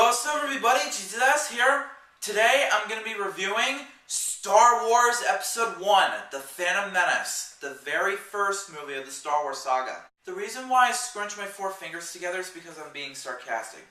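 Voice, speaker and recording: A man's voice: high voice, lively intonation, a little fast, bright, forceful tone. A man talking through a casual movie review vlog, chatty and rambling, wandering off into side remarks. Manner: chatty, rambling, with sidetracked asides. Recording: roomy echo, mic at a distance.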